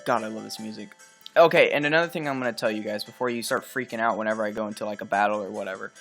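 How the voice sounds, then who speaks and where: A man's voice: on the low side, rapid-fire, gravelly, fairly bright tone. Rambling let's play guy. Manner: rambling, casual, with many fillers. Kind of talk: game commentary. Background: faint game music.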